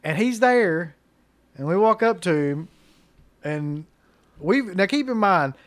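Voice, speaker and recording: A man with a slightly higher voice talks in a laid-back, profane way during a casual chat. He is relaxed and easygoing, with plenty of casual swearing. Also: takes it slowly. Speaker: podcast co-host. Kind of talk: casual chat about horror films.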